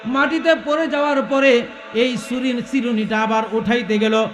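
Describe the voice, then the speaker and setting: A man's voice: very high-pitched, fairly even intonation, normal speed, reverberant, a little hiss or hum. A male preacher telling a story in a sermon, calling out questions to the crowd and breaking into melodic chanting.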